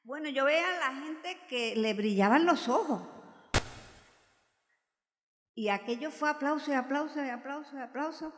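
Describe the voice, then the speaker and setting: An older woman with a Puerto Rican Spanish accent recounts a religious testimony, acting out each voice she quotes with lively storytelling. Her voice sits somewhat high. A long reverb trails each phrase. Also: brisk. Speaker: retired music teacher.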